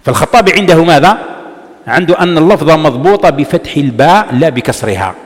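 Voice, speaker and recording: A man's voice: a little high, expressive, fast. A man giving a religious lesson, explaining a text and answering his own rhetorical questions. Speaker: religious teacher. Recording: long reverb of a large hall.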